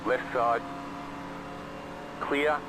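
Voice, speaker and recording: A man's voice: mid-range voice, very slow. A man voicing a race spotter who gives terse, clipped radio calls about gaps and traffic. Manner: clipped, flat, matter-of-fact callouts. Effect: terse in-game spotter radio calls. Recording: loud engine noise behind.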